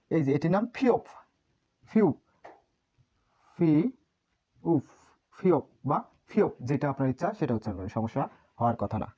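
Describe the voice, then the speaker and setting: Language teacher, mellow voice, patient drilling, dull lo-fi recording. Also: medium pitch. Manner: patient, repeats each sound many times as a drill. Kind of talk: online language lesson.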